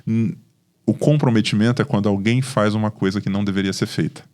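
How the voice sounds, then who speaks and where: Brazilian pastor telling lively stories. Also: male voice, fairly low pitch, fast. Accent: Brazilian Portuguese. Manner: animated storytelling, acts out dialogue. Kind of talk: podcast conversation.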